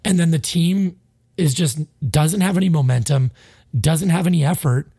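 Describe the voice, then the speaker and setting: A Canadian man co-hosting a casual sports podcast rants bluntly and with frustration, swearing freely and sounding stuffy and sinusy. His voice is a little high, creaky, dark and husky at a normal speed, captured as clean studio sound with no room sound.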